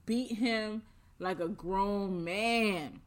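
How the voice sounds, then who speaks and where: A woman co-hosting a casual podcast chat, blunt and animated in her reactions. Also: medium pitch, very slow. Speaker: podcast co-host.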